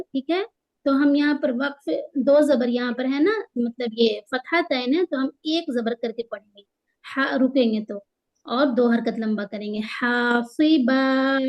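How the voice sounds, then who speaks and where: A high-pitched woman teaches tajweed in an unhurried way. She explains each recitation rule patiently and drags the recited words out long. The recording sounds somewhat dull and lo-fi. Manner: patient, explains rules plainly, slows right down to stretch recited words. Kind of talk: tajweed lesson, spelling out letters and drawing out recited words.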